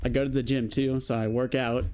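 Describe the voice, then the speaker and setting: A late-teen vlogger talks fairly quickly in a darkish, mid-range voice with little pitch movement, over slight background noise. His casual, reflective monologue to camera rambles, packed with fillers and "you know."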